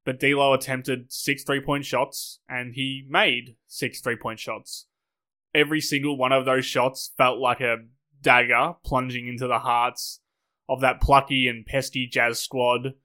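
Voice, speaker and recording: A man hosting a podcast with a hoarse, sick voice, talking in an upbeat, wordy way. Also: medium pitch, flat delivery, unhurried, sharp tone. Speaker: podcast host. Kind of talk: scripted podcast talk.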